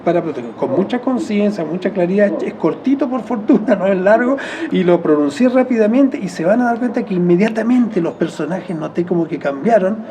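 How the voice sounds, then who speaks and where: A Chilean man's high, animated voice moves a little fast as he reflects and rambles in an interview, stopping to correct himself mid-phrase and chuckling softly. A little hiss or hum sits under the recording.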